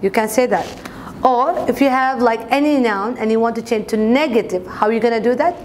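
Teaching to camera in a bright office-style classroom, a young woman runs an informal language lesson, explaining words and saying examples again. Her slightly high, somewhat mellow voice moves fairly quickly, and there's a little hiss or hum.

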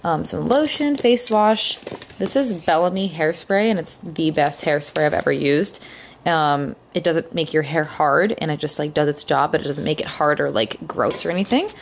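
A woman's voice: low-pitched, normal speed, creaky, slight background noise. A young woman chatting casually in a home vlog, rambling and giggly as she talks to her viewers. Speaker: vlogger.

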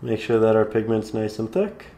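A man calmly guiding viewers through a step-by-step painting tutorial, slightly hoarse, in an unhurried, encouraging way. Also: on the low side. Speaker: painting instructor.

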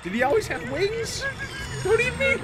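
A performer voicing an excitable cartoon man who rambles and yelps in alarm while reacting to his own cartoon episodes. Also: sits high, normal speed. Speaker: reacting host character. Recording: loud music playing underneath.

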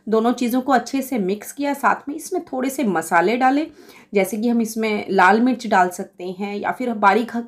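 A woman in her forties from India, explaining a home recipe step by step in a chatty voice-over with small fillers. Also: mid-range voice. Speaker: cooking vlogger.

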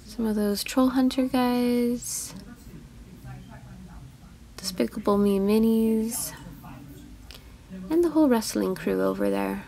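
A woman's voice: on the high side, slow, creaky, long pauses, warm tone. A woman vlogging a toy hunt in a store, chatting casually and gushing over each toy she spots. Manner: chatty, easily delighted, gushing over toys.

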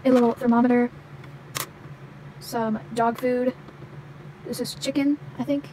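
A woman's voice: fairly high pitch, flat delivery, unhurried, mellow, low-quality recording. A young woman chatting casually as she shows off the pieces of a toy vet clinic playset, with lots of fillers like "like" and "um". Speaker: toy unboxing vlogger. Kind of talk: casual unboxing show-and-tell. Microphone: handheld phone camera, speaker off screen. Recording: audible background noise.

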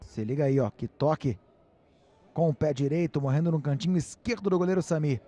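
A man's voice: on the high side, brisk, dark tone. A Brazilian man working as a sports commentator, calling live play-by-play in short, clipped phrases.

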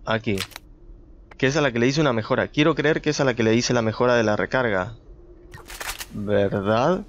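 A man's voice: mid-range voice, a little hiss or hum. A young man giving casual gameplay commentary, chatty and thinking aloud as he plays, talking to his viewers. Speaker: gameplay streamer.

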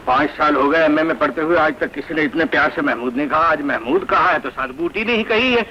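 An actor playing a wisecracking comic student friend who talks in a joking, teasing way, in 1980 film dialogue on an old film soundtrack with music. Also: male voice, a little high, muffled recording, noisy background, lightly acted.

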